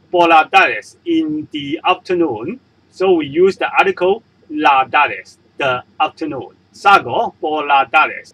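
A man with a Hong Kong accent, a native Cantonese speaker, teaching a beginner Spanish lesson in English over slides, slowly repeating each example and its translation. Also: on the high side, fairly bright tone, slightly rough, poor audio. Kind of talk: slow explanatory lesson narration. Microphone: voice-over for screen-recorded slides.

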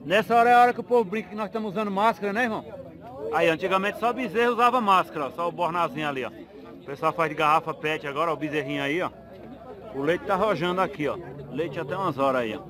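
A man's voice: a little high, fast. A man filming his casual walk through a cattle fair, chatting with sellers and repeating their prices for the camera. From Northeast Brazil. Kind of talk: casual on-the-spot video commentary. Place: outdoor cattle market with crowd. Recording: crowd noise outdoors.

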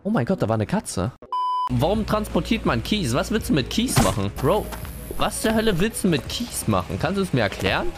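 A young man streaming a game, chatting casually, swearing loudly and mixing in English slang. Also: on the high side, sing-song, brisk. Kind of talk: casual gaming commentary. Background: music.

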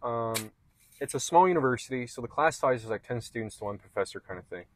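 A young Canadian man co-hosts a casual chat, rambling in a relaxed way and saying "like" and "man" a lot. He has a mid-range voice, talks fast, and the recording is dry.

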